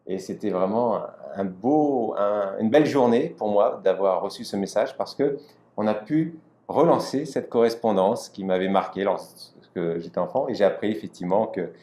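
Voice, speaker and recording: A man's voice: on the low side, moderate pace, mellow, reverberant. A man from France, the host of an interview, introducing the story with a few hesitations and fillers.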